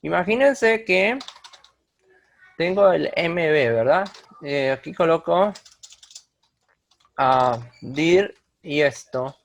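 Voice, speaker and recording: A man's voice: a little high, animated, slow, creaky, pauses often. A man explaining computer commands step by step in a screen-recorded tutorial, with frequent fillers and restarts. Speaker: instructor.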